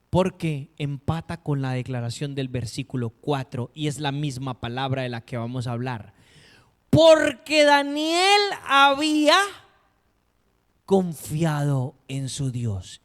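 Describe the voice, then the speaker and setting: A man's voice: fairly high pitch, a little mellow. A man preaching a sermon in a dramatic, emphatic way, asking his congregation rhetorical questions. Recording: long reverb of a hall.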